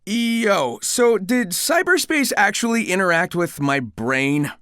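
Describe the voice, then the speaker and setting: This is video game dialogue from a cocky but good-hearted young male cartoon hedgehog hero, upbeat and caring, in a playful, curious mood. His youthful, slightly high voice swings lively in pitch, delivered slowly yet breezily and confidently in a heavily acted style. The recording is dry and close, with no room sound.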